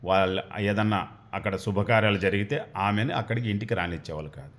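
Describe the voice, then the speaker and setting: A man's voice: lowish voice, quick pace. Man telling a folksy devotional tale. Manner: folksy, animated storytelling. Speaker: spiritual storyteller. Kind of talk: devotional storytelling.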